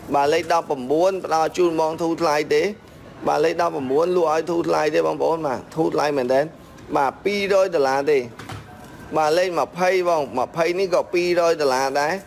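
A high-pitched man from Cambodia works through his shop's phone models and prices in a steady, practiced patter. He sounds like a seller doing a price rundown, with a faint noise of the shop behind him. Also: creaky.

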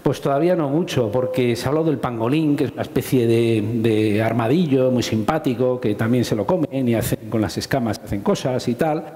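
A man with a Spanish accent giving a lively public science talk, joking and asking his audience questions. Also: mid-range voice, brisk, hardly any pauses. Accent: Spanish from Spain. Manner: jokey, asks the audience questions, swears casually. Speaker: microbiology lecturer. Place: large lecture hall. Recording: roomy hall with long reverb.

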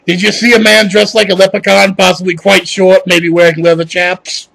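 Man voicing a husky, nagging old grandma. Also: high-pitched, level tone, normal speed, a bit bright, full character voice, low-quality recording. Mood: probing, insistent. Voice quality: husky, gravelly. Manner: badgering, foul-mouthed, insistent questioning. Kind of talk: improvised comedy phone-call skit.

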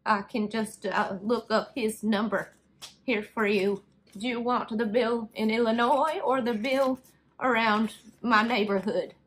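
In a prank phone call role-play, a woman voices a sweet, folksy old lady in her late eighties who rambles and takes everything obliviously literally. Her voice is natural and fairly high, with fairly even intonation and a slightly slow pace. The rough recording was made indoors in a small bedroom.

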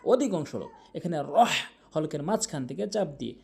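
Male recitation teacher with a warm, mellow voice, patient and repetitive as he corrects pronunciation. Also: on the high side, sing-song, a little fast, vocal fry. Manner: patient, repeats corrections plainly. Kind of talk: pronunciation lesson.

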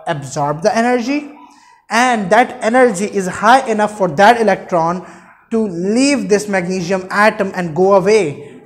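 A man in his twenties with a Pakistani accent lectures at a whiteboard, explaining emphatically and repeating key terms. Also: high voice. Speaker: chemistry teacher. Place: indoor room at a whiteboard. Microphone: lapel mic.

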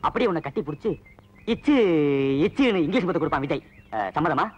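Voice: medium pitch, very animated, quick pace, slightly rough, muffled recording. An actor playing a teasing young man among village friends who mocks the others playfully in a 1990s film.

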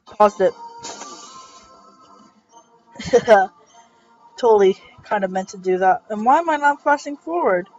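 A woman's voice: mid-range voice, expressive, slow pace, long pauses. A young woman casually commenting on her gameplay, rambling, joking and correcting herself. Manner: rambling, self-correcting, jokey. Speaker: let's play host. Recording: dull lo-fi recording with faint music.

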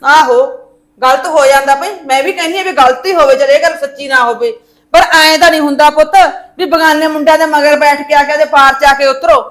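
A woman playing a sharp-tongued visiting mother who scolds and taunts her daughter's in-laws in a family drama. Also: sits high, fairly even intonation, fairly quick. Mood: scolding.

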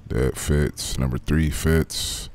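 A man's voice: very deep voice, fairly even intonation, slow pace, darkish tone. A man casually narrating his video game play, laid-back and crude, muttering to himself as he loots and picks locks. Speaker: gaming commentator. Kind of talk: casual let's play commentary.

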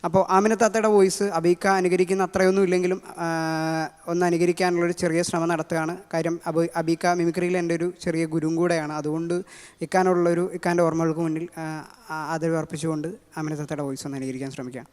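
Quick Malayali man introducing impressions. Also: fairly high pitch, flat delivery, darkish tone. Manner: quick, with many fillers. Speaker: mimicry artist. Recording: long hall reverb.

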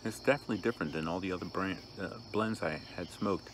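A relaxed man from New Jersey chatting casually to camera with a pipe clenched in his mouth, outdoors at night. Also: deep voice, slight background noise. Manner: relaxed, rambling, unhurried. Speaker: pipe smoking vlogger. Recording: outdoor night with loud crickets. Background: crickets chirping.

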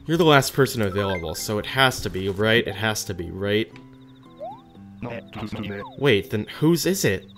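A gaming host giving casual gameplay commentary, musing aloud in an animated way and sometimes reading game text. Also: medium pitch, normal speed, long pauses. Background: game music.

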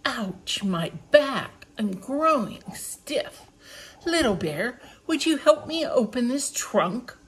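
A woman's voice: on the high side, big pitch swings, takes it slowly, husky, voice pushed up, heavily acted, poor audio. A woman voicing Grandfather Bear, a kindly old bear who explains things patiently in a storybook. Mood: gentle.

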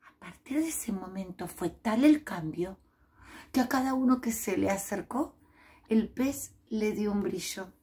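A woman with a Rioplatense Spanish accent telling a children's story with expressive, drawn-out emphasis. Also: medium pitch.

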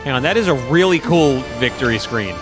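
A man casually commenting while playing a video game, joking and quickly voicing the characters in silly lines. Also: medium pitch, animated, music in the background. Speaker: gaming YouTuber. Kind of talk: casual let's-play commentary.

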